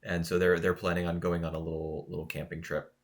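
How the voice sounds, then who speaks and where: A man with a very low, deep voice co-hosts a casual podcast. He talks in a relaxed, chatty way and laughs easily while trading opinions. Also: fast. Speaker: podcast co-host. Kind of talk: casual chat reviewing anime.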